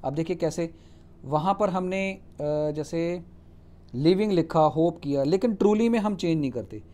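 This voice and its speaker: Hindi-speaking male spelling teacher, mellow voice. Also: on the high side. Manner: spells words out letter by letter and checks with "ठीक है?"; reads English rules aloud slowly, then explains them in Hindi. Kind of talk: Hindi lecture on English spelling rules.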